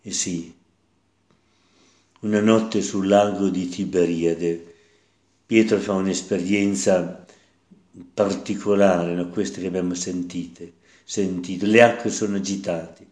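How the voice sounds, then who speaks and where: Slow, low-voiced priest in echoey church. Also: male voice, steady tone, darkish tone. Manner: slow, reflective, repeating phrases. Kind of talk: sermon with Gospel reading.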